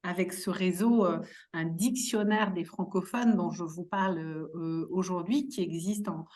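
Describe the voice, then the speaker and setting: A woman's voice: fairly low pitch, a little slow, a little mellow. Courteous, hesitant woman moderator. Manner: hesitant, many fillers, courteous. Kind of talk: webinar moderation.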